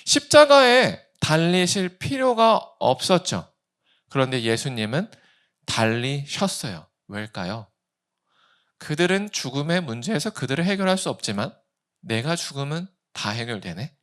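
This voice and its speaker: A man's voice: on the high side, big pitch swings, unhurried, fairly bright tone. A male pastor in his thirties preaching a sermon, asking rhetorical questions and acting out quoted speech.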